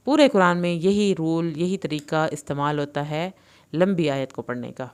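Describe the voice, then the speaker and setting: A woman with an Urdu accent teaching tajweed, alternating clear explanations with slow, drawn-out recitation. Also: low voice.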